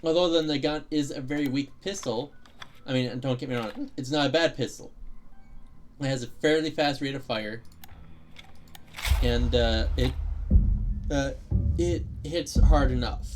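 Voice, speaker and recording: A man's voice: medium pitch, unhurried, pauses often, soft background music. Young guy streaming, explaining game stuff, lots of uhs and restarts, hiccups a bit. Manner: rambling, explanatory, many fillers and restarts. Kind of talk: casual gameplay commentary.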